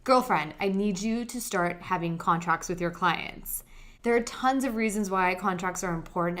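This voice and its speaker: A young adult woman, a lawyer who hosts a podcast, walks through legal topics step by step in a friendly, direct manner. Her voice is soothing, fairly low in pitch, with a fairly bright tone.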